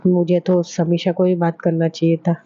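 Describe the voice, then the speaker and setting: A woman voicing a jealous, scheming teenage schoolgirl in a quick, pushy, everyday way, on a dull lo-fi recording. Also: on the low side, completely flat delivery, mellow, close to an everyday voice.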